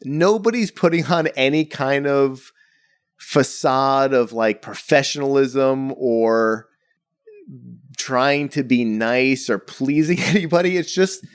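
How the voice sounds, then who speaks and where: In a smooth, mid-range voice and at a slow pace, a young painter from the Bronx, New York, chats as an interview guest. He rambles casually, relying heavily on "like" and "you know." The recording is dry and studio quality.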